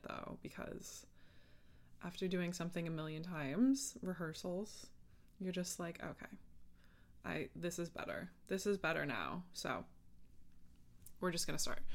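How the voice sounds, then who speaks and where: A woman podcast host chatting casually on her own in a rambling way, often interrupting herself and leaning on filler words. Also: fairly low pitch. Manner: rambling, self-interrupting, filler-heavy speech. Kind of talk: casual solo podcast chat.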